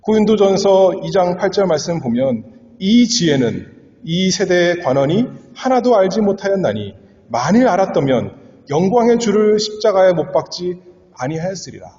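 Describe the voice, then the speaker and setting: A man's voice: sits high, very animated, normal speed, a little mellow. A male pastor delivering an earnest expository sermon, swelling and dropping for emphasis. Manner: earnest, dramatic swells and drops. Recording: echoey hall, dull lo-fi sound.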